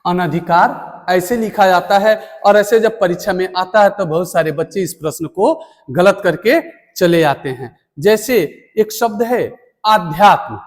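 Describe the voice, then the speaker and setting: Male teacher, high voice, slow deliberate board lesson, long room reverb. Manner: slow, deliberate, repeats words for emphasis. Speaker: Hindi teacher.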